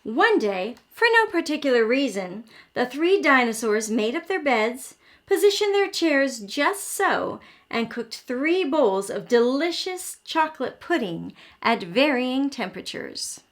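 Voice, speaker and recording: The host of a children's early learning show leads an interactive read-aloud for young kids, telling the story expressively and explaining along the way. She speaks in a high, very animated voice at a slightly slow pace.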